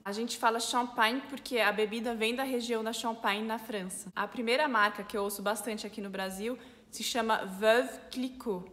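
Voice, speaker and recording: A woman with a Brazilian Portuguese accent, a French teacher, explaining pronunciation clearly step by step. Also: a little high, steady tone, normal speed, a bit bright, in a large hall. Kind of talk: pronunciation lesson.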